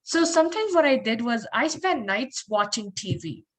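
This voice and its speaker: Sarcastic young woman, fairly high voice. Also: big pitch swings, normal speed, rough recording. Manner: playful, dry sarcastic humor. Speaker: podcast guest. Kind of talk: casual podcast chat.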